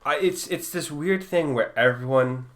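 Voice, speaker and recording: A man's voice: on the high side, moderate pace, a bit bright. A man from Massachusetts with a mild local accent, co-hosting a casual chat in a blunt, teasing, emphatic way. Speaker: podcast co-host.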